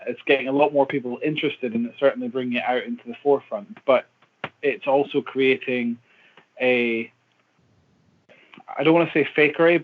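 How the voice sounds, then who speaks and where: A man who investigates the paranormal, speaking hesitantly as a guest in a casual podcast chat. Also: medium pitch. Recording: tinny phone-like line with faint noise.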